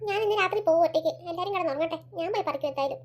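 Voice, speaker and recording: Stubborn little cartoon boy, very high voice, quick, cries out in fright. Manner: frightened wailing. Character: young boy, greedy and stubborn. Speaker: cartoon character.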